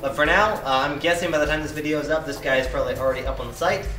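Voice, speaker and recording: A young man who keeps reptiles hosts a casual vlog showing his animals outdoors, next to an open car on a dirt lot. His fairly high voice races along, eager and full of "uh" fillers. The sound is roomy and distant, with music underneath.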